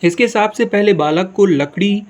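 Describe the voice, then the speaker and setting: A man's voice: high voice, normal speed. A man teaching an online exam-prep lesson, explaining step by step and often speaking straight to his viewers.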